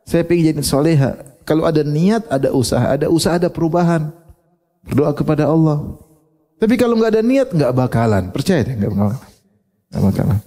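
A man giving a humorous, animated sermon, acting out short quotes. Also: on the high side, a little fast. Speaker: Islamic preacher.

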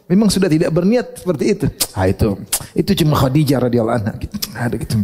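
A man giving a humorous, animated sermon, acting out short quotes. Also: a little high, fast talker, slightly rough. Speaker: Islamic preacher.

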